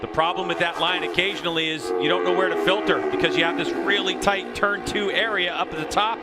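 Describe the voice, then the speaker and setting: A man working as a motorsport commentator, calling a race live with animated play-by-play. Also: high-pitched, fast talker, gravelly, over loud music. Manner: animated play-by-play calling, rising to shouts at action.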